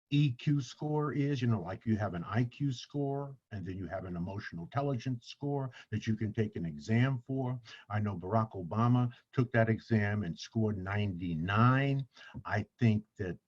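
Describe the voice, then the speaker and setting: A man's voice: on the low side, animated, moderate pace, a little mellow, slightly rough, highs cut off. A man hosting a podcast, introducing his guest effusively and repeating words for emphasis. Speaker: podcast host.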